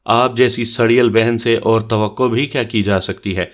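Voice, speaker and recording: With a lowish, steady, lightly acted voice, a man portrays a playful young game leader at a party. The character teases his sister in a bantering, mischievous manner.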